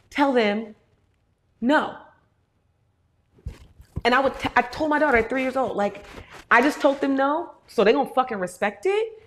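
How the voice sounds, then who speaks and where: A woman with a slightly high voice talks straight to her audience. She is candid and animated and swears freely. She sounds like a mother in her thirties who speaks her mind. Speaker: host answering audience questions. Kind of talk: casual talk to an audience.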